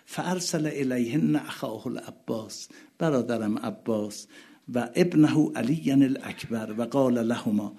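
Husky male preacher reciting and explaining. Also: mid-range voice, dark tone. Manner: alternates chanted Arabic recitation with Persian explanation. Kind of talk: sermon recounting a religious narrative.

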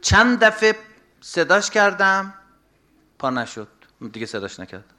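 High-voiced, bright middle-aged preacher. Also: male voice, sing-song. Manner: swings between soft confiding asides and raised exhortation. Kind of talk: religious sermon.

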